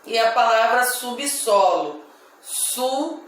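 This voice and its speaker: A woman teacher with a Brazilian accent giving a grammar lesson to children, speaking slowly and deliberately and repeating each word. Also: on the high side, lively intonation, a bit bright, far from the mic. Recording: echoey room, voice away from mic.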